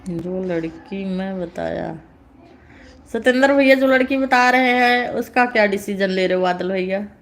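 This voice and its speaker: Woman live-stream host, mid-pitched, chatty and teasing, laughs often. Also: a little slow. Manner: playful teasing, frequent laughter. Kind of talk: casual live-stream chat reading comments.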